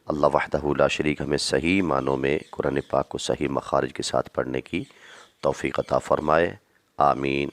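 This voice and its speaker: A man teaching Quran reading, calling out each letter long and loud, then explaining it softly. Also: rumbling low, steady tone. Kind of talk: recitation lesson.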